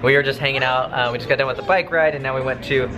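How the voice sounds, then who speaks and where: A man's voice: medium pitch, steady tone, racing, over a noisy crowd. A man in his thirties, a family vlogger, chatting in a casual, upbeat, laughing way to a camera held at arm's length. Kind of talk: casual vlog chat. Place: kitchen and outdoors, phone held at arm's length. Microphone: handheld camera at arm's length.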